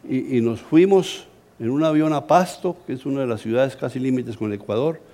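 A middle-aged Colombian man, a pastor, preaching a sermon as an animated, humorous story. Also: mid-range voice, a little fast. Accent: Colombian Spanish.

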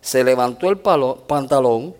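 A male pastor preaching a sermon, telling stories in an animated way and often saying amen. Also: mid-range voice, normal speed. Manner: animated storytelling, punctuated with amens. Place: church in the United States.

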